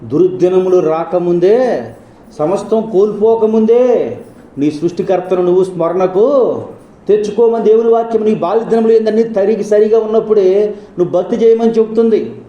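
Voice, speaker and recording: A man's voice: high-pitched, normal speed, mellow, roomy sound, dull audio. A man preaching a sermon as pastor, asking his listeners many rhetorical questions.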